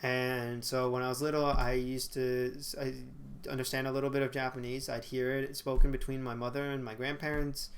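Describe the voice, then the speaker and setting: Speaking at a medium pitch with a flat delivery, a little fast and with few pauses, the young man vlogs from a small bedroom. His casual webcam monologue has frequent fillers and self-corrections.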